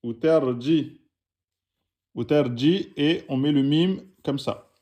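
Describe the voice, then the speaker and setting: A man's voice: fairly high pitch, slow pace, dark tone. A man teaching the Arabic alphabet, patiently correcting written exercises and spelling out each letter and vowel aloud. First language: French-speaking audience.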